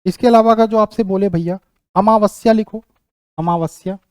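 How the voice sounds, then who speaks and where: A man's voice: sits high, fairly even intonation, moderate pace, smooth, no echo, clean studio sound. A young man teaching an exam-prep lesson, repeating each word as he writes it out and checking in with his students. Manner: repeats words while writing them out, checks in with "ठीक".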